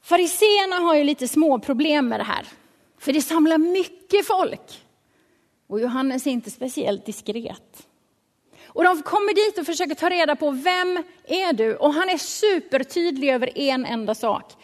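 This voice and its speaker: A woman preaching a sermon in a lively, colloquial way, dropping now and then to a soft hush. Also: high voice. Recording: long reverb of a large hall.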